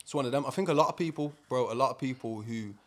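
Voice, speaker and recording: A man's voice: mid-range voice, fast talker. A man from Birmingham with a Brummie accent, talking casually as an interview guest in informal British street slang. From Birmingham, England.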